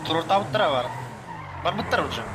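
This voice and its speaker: Fast, high-pitched man in heavy noise. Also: expressive. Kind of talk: casual chat during online game. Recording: heavy noise with vehicle sounds.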